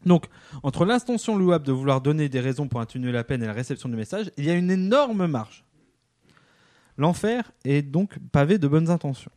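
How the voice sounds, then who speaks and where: Male comic columnist, lively delivery, slightly raised pitch, dry studio sound. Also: no room sound. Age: under 50. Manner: lively, acts out quick dialogue in different voices.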